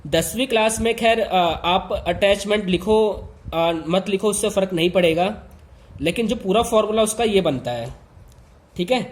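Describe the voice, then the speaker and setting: A male teacher guides his class through a lesson in a relaxed, informal style at a moderate pace. His voice is fairly high for a man, and he hammers home key points through repetition and by speaking straight to the students.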